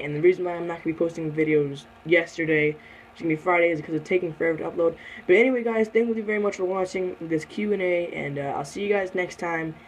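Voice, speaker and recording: A teenage boy hosting a casual chat, always hurrying the talk on to the next point. His voice sits a little high, with faint noise behind him. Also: rough recording. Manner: hurried, steering the talk along. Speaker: channel host.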